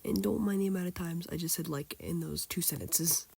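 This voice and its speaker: Teen girl, sick and hoarse, raspy with some vocal fry; chatty, filler-heavy tutorial read. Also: a little fast, dark tone. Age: teens. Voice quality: high, childlike-sounding voice. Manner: rambling, lots of "like" fillers. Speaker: tutorial maker. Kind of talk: casual screen-recorded tutorial.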